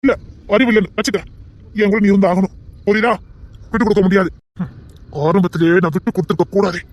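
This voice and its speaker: Brief: man as hot-tempered husband, quick threatening delivery, audio drama. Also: high voice, fairly even intonation, lightly acted. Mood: insistent. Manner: rapid, insistent, threatening outbursts. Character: angry, pleading young husband. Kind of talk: Tamil audio drama acting.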